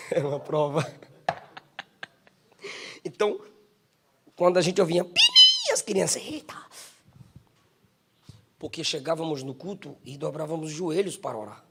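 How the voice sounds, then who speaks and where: A man from Bahia with a Bahian accent, preaching a live sermon at a church service. He builds up to shouting and sings out imitations of bell sounds. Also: on the high side, normal speed, long pauses, a little hiss or hum. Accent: Bahian Brazilian Portuguese. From Bahia, Brazil. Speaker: pastor.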